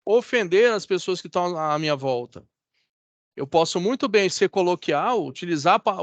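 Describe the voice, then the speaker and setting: A man's voice: high-pitched, fairly bright tone, no echo. A man with a Brazilian Portuguese accent teaching an online class over a video call, in a conversational way that keeps checking in with his students. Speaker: course instructor.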